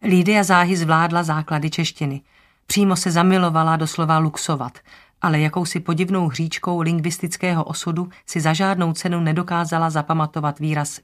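A narrator reading an audiobook in an even way. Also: mid-range voice.

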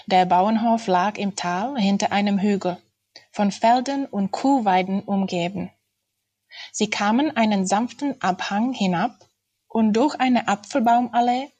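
A woman reading aloud from a children's fairy-tale novel in a measured storytelling manner. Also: medium pitch, darkish tone. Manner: slow, deliberate storytelling. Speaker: reader.

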